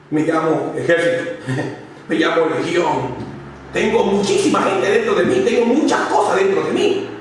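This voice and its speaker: A man teaching a theology class as a Bible lecture, emphatic and repetitive, acting out the demon's lines. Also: very high voice. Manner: emphatic, repeats words, acts out the demon's lines. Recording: very echoey room, from far off, faint noise.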